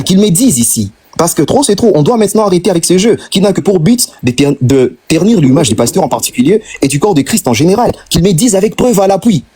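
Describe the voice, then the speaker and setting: On a live stream, a man from the DRC with a Congolese French accent makes a fervent, insistent case, firing off rhetorical questions and hammering on repeated phrases. His voice is fairly high, warm and husky.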